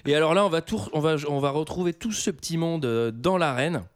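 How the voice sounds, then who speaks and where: A man's voice: on the high side, fairly quick. A man hosting a casual, jokey film chat podcast, retelling scenes with playful mimicry. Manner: animated, joking, mimics characters mid-story.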